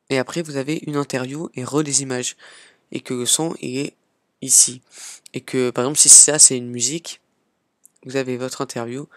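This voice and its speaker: A man casually hosting a software tutorial, chatting along as he clicks and filling pauses with little "hop" and "voilà" sounds. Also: mid-range voice, no room sound. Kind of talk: casual screen-recorded tutorial.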